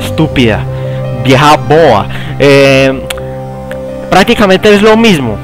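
This young Colombian man, Paisa accent and fairly high voice, talks slowly with big pitch swings as he plays a horror game over game music. His angry let's-play commentary features cursing, grumbling, shrieking, and mock-panicked laughter.

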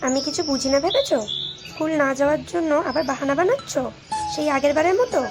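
A woman's voice: high-pitched, animated, fast talker, over music. A woman voicing a scolding but caring mother in a cartoon, nagging her daughter. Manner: nagging, scolding, then soothing. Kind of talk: Bengali cartoon voice acting.

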